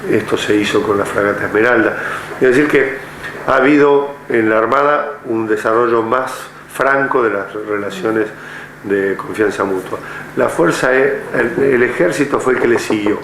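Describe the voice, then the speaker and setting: A man's voice: mid-range voice, normal speed, fairly bright tone. An older man from Argentina, a retired army general, speaking measuredly in an oral history interview with many hesitant fillers. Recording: echoey room with faint noise.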